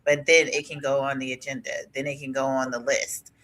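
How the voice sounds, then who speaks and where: Low-voiced woman, bright and forceful. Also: a little fast, poor audio. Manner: animated, laughs easily, acts out her own past thoughts. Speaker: co-host in a live conversation. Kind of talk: casual chat.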